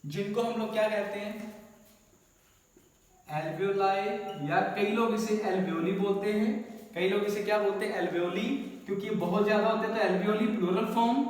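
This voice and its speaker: Male science tutor, high voice, repeats key slowly; recorded in a very reverberant room. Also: steady tone. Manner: asks questions then answers them himself. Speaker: science teacher. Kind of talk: classroom lecture. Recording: very echoey room with long reverb.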